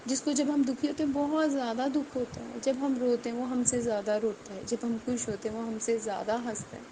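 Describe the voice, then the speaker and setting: A woman's voice: fairly high pitch, fairly even intonation, fairly quick, background noise. A woman giving an earnest, emotional devotional testimony, repeating her phrases and speaking straight to her listeners.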